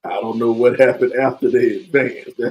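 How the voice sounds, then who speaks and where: A man in his forties hosting a podcast, chatting casually, animated and joking, repeating himself often. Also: medium pitch, normal speed, noisy background. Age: 40s. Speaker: podcast host.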